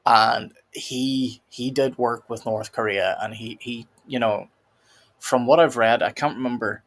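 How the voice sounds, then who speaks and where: A man's voice: medium pitch, unhurried, fairly bright tone. Man, reaction host, casual commentary, rambling, laughs often. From United Kingdom.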